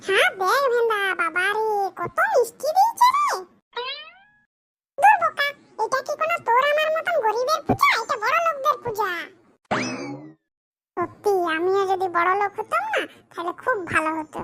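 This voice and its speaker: Here a performer gives a cartoon village boy from rural West Bengal a very high-pitched, exaggerated voice with big pitch swings and a sharp tone, at normal speed. The cheeky, mischievous, poor kid is in a bantering mood, trading brash, grumbling colloquial jabs in this squeaky comedy role.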